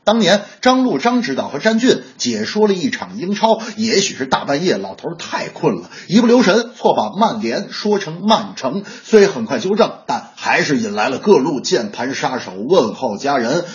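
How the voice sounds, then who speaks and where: Lively joking male radio host. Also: fairly high pitch, moderate pace, few pauses. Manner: joking storyteller, crosstalk-comedian delivery. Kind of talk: comic commentary show. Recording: slightly dull radio sound, faint music.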